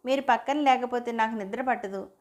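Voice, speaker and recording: A devoted young wife pleads softly and childishly with her husband. A woman narrator reads her with little change of voice. The tone sits slightly high. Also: a little fast, highs cut off, lightly acted. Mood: pleading.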